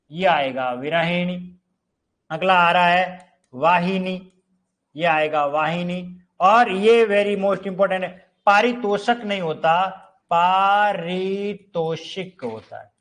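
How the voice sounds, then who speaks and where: Male teacher, high voice, unhurried delivery, repeats key words and checks in with students. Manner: explains slowly, repeats words, checks with 'clear?'. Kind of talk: classroom lesson on correct spelling.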